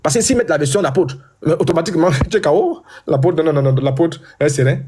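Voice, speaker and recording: A man hosting a heated live debate, talking loudly and insistently and repeating himself. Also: on the high side, lively intonation, fast talker, background noise.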